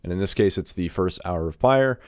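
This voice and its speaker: A man's voice: deep voice, animated, brisk, no echo, clean studio sound. A man hosting casual first-impressions video game commentary, talking informally as if thinking aloud. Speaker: video game review host. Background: music.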